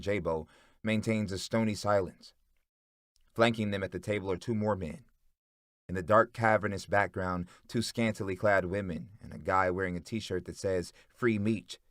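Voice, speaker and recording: A man reads an audiobook in a steady, dramatic storytelling voice. His pitch is very low and the recording is dry and close. He builds scenes at an even pace. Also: no room sound. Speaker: narrator. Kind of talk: audiobook narration.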